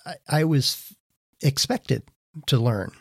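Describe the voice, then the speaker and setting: A middle-aged man hosting a podcast, talking in an animated, casual way and often breaking off mid-sentence. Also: medium pitch, slow pace, gravelly, husky, no echo, clean studio sound. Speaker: podcast host. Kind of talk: casual interview chat.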